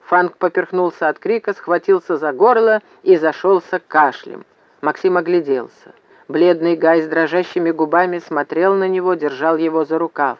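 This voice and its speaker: A man reading an audiobook as narrator in a steady storytelling way. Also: a little high, normal speed, no room sound. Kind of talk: scripted narration. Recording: slightly muffled dry recording.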